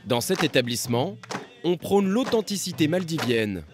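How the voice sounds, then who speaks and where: A man narrating a television documentary report in a measured, scripted voice-over. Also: a little high, sing-song. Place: studio voice-over. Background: music.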